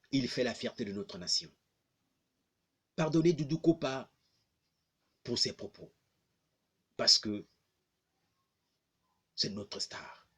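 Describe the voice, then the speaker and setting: Slow, emphatic Congolese-accented man. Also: mid-range voice, breathy edge. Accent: Congolese French. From Republic of the Congo. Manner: emphatic, repeating phrases for stress. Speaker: blogger. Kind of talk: public address to viewers.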